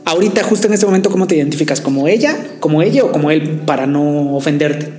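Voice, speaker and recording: A man's voice: fairly high pitch, quick pace, mellow. A man in casual debate chat, co-hosting a podcast, hesitating and repeating words as he argues. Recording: roomy echo with faint music.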